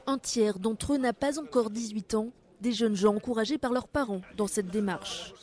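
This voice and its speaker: Woman reporter, calm voice-over. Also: on the high side, normal speed. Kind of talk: scripted news voice-over.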